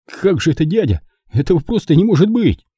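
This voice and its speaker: A man playing a frightened young man, raised in pitch, begging and shouting in despair. His voice leaps widely with a slightly husky edge. The recording is dry and close. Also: wildly swooping pitch, normal speed, dry recording. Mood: desperate. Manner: pleading, agitated.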